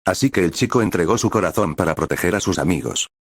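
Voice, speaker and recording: Man voicing a downcast young hustler, subdued, husky. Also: deep voice, lively intonation, fast, no echo, studio quality, full character voice. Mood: somber.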